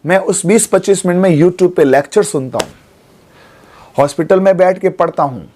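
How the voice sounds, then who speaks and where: Male coaching teacher in his forties, light high voice, coaxing classroom manner, studio lesson. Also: normal speed, mellow. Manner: coaxing, keeps checking with students. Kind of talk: exam coaching class lecture.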